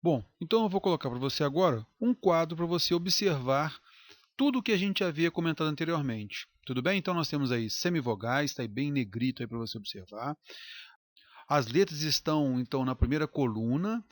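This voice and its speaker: A man, teaching a recorded grammar lesson over slides, drawing out example words slowly and checking in with the listener. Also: on the high side, no echo, studio quality.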